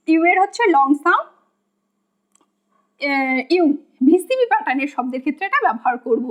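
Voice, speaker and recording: A woman teaching English phonics, spelling out words letter by letter at a slow, patient pace and asking questions she then answers herself. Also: sits high. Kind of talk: phonics lesson. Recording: dull lo-fi sound.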